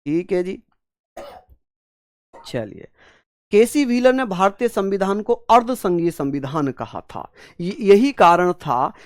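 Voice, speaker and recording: A male teacher lectures an exam-prep class at an unhurried, deliberate pace. He drills each point again and again, puts his students' questions into words himself, and calls them by fond names. The sound is close and dry. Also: high-pitched, lively intonation, dry recording. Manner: repetitive drilling, voices students' questions, fond terms of address.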